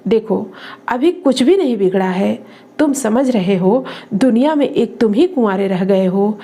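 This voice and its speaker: Brief: woman narrator voicing a tart, scolding young woman, mellow tone, story reading. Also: on the high side. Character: young woman, sharp-tongued and teasing.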